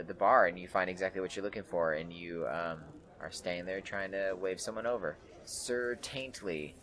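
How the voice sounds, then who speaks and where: Relaxed male game master, loose narration with lots of ums. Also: on the low side. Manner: relaxed, filler-heavy.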